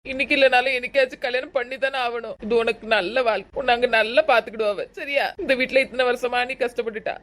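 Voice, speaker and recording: A woman playing a fond, tearful village father who soothes his daughter quickly in a comedy skit. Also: a little high, fairly even intonation, fairly bright tone, a little hiss or hum, lightly acted. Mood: soothing.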